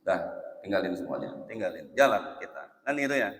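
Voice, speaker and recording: A male preacher giving a dawn sermon, swinging between loud emphasis and soft asides and chanting verses slowly. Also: low-pitched, expressive. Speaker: ustadz preacher. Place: mosque hall. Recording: echoey mosque hall, long reverb.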